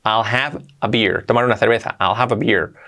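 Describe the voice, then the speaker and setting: A man from Spain, teaching travel phrases in a video lesson, repeating each one slowly with lively jumps in pitch. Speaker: English teacher.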